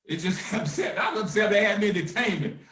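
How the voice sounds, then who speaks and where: A man hosting a conference call, talking with fire and swinging from shouting to hushed calm. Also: sits high, moderate pace, recorded from a distance. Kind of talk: impassioned activist talk. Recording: roomy echo.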